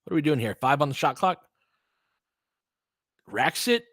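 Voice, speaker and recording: At a normal speed, this man speaks in a slightly high, sing-song voice that's a bit bright and slightly rough. He's a California host and play-by-play commentator with an American accent, chatting casually about basketball and answering listeners while thinking aloud in trailing, restarting sentences. The clean studio recording has no room sound.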